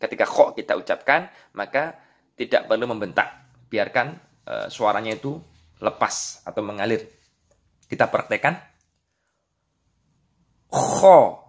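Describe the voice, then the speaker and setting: A man's voice: lowish voice, lively intonation, normal speed, pauses often, fairly bright tone. A man with an Indonesian accent teaching Quran letter pronunciation, patiently explaining and then drilling syllables aloud. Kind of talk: slow instructional lesson with drills.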